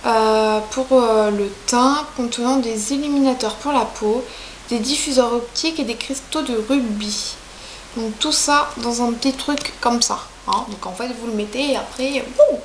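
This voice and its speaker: Chatty young woman in an echoey room. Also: high-pitched. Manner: chatty, hesitant, many fillers. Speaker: beauty vlogger. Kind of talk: casual product review. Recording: echoey room, faint hiss.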